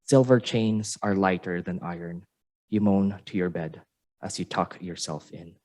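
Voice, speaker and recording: A man's voice: sits low, a little mellow. A man reciting his spoken-word poem at an open mic in a university exhibition room. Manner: measured, lyrical recitation. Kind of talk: spoken-word poetry reading.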